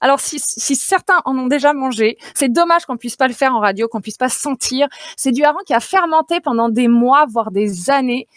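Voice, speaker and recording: A woman's voice: high-pitched, animated, normal speed, few pauses, no echo, studio quality. A woman dietitian speaking on a radio show, chatty and playful, with many fillers and easy laughter. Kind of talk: radio nutrition segment, lively explaining. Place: radio studio. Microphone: studio radio mic.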